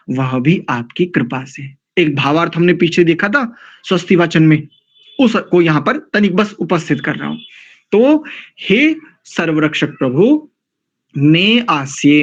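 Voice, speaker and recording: A man teaching a religious class, carefully correcting pronunciation and chanting Sanskrit mantras syllable by syllable. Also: fairly high pitch. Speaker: scripture teacher. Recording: dull lo-fi recording.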